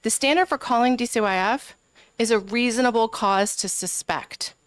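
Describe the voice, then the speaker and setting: A woman legislator, speaking at a moderate pace in a slightly high voice, testifies at a committee hearing in a dry recording. She argues earnestly for her amendment, with frequent filler ums.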